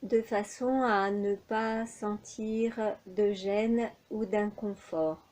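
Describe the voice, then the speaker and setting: Guiding a yoga nidra session, this woman instructor keeps her directions calm and soothing, pacing them carefully with long pauses. She speaks in a mid-range voice.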